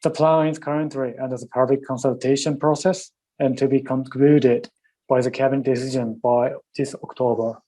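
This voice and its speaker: A man presents slides in a measured, careful way, often stopping to correct himself. His voice is dark and mellow, at an ordinary pitch for a man. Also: level tone, rough recording. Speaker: presenter from a Japanese ministry. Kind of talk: formal webinar presentation.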